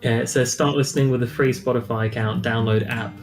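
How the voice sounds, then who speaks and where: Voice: mid-range voice, fairly even intonation, fast talker. A joking, laughing player in a tabletop game over a voice call. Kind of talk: casual game chat. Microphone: computer mic on a voice call. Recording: music playing clearly behind.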